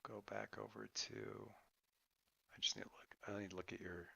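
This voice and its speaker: A man running a tabletop game as game master, narrating off the cuff and thinking aloud in a halting, casual way. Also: fairly low pitch, flat delivery, vocal fry, pushed and bright, breathy edge, dry recording.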